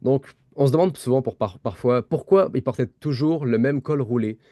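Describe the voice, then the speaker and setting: Hesitant Québécois man, mellow voice. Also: medium pitch, moderate pace. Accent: Québécois French. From Quebec. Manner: hesitant, restarts words, many fillers. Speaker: podcast co-host. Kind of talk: casual explanatory podcast chat.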